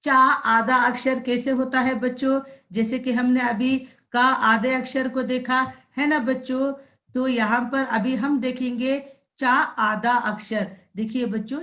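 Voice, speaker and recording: A woman with a fairly high voice gives a slow, unhurried classroom lesson. She breaks words into single syllables and repeats them, and she keeps turning to the children to check they have understood. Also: a bit bright. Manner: drawn-out syllable-by-syllable pronunciation drills. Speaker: primary school Hindi teacher.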